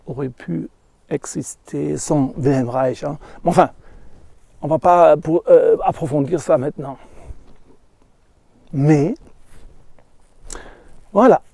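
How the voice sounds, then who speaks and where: A middle-aged man with a German accent rambles through a monologue, halting often to search for words and tossing in tag questions. His voice is a little high for a man but gravelly with fry, with a warm tone. The recording is close and dry, with no room sound.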